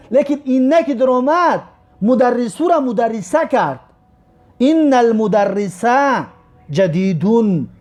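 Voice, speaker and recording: A man teaching an Arabic grammar lesson. He spells out each example slowly and keeps urging students to pay attention. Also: sits high, a little mellow. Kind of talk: recorded classroom lesson.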